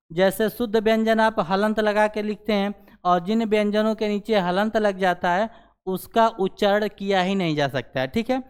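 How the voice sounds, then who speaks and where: A man's voice: sits high, smooth. A man teaching grammar in a classroom style, asking questions and answering them himself, and saying "theek hai" again and again. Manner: repeats "ठीक है" after nearly every sentence.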